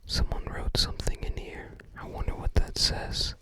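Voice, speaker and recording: While paging through a book, an ASMR host offers short, casual musings in an unvoiced, breathy whisper, keeping a moderate pace.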